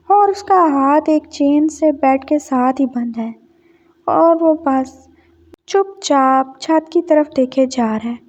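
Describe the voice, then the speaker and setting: Woman storyteller, high pitch, Pakistani Urdu accent, soft emotional narration, muffled lo-fi recording. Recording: dull lo-fi sound.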